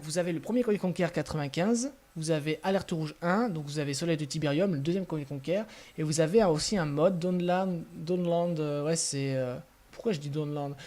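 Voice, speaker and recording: A man giving a casual walkthrough of gaming software, talking with enthusiasm and stumbling through frequent fillers and restarts. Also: on the high side. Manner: hesitant, many filler sounds and restarts. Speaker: gaming video host.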